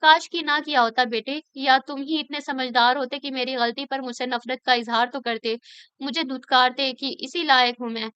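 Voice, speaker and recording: A remorseful middle-aged father who speaks softly and pleads, voiced by a woman narrator. The voice is high, bright and very clear. The recording is dry and a little dull. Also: steady tone, normal speed, no room sound. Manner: soft, pleading. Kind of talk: audiobook reading.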